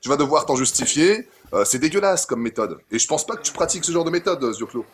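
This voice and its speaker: A man's voice: fairly high pitch, animated, quick pace, a little hiss or hum. A man in a casual online debate, talking argumentatively and restating his points with emphasis and repeated words.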